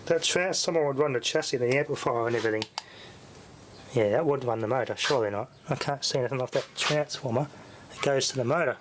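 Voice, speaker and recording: A man with a medium-pitched voice offers casual, off-the-cuff repair commentary as a hobbyist tinkerer. He mutters to himself in short fragments while thinking aloud, with a little hiss or hum in the background.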